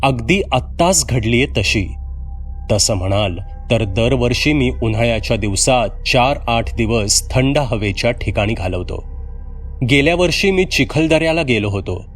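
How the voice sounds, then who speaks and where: A man narrating a horror story in the first person, measured and steady, with acted dialogue. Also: mid-range voice.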